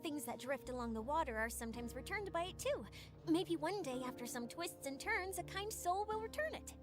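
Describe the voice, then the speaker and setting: Kind young ranger, bright high voice. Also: female voice, expressive, brisk. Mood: gentle wistful. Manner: friendly, reassuring. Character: kind, modest, easygoing young trainee ranger woman. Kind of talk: video game voice acting. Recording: music under the voice.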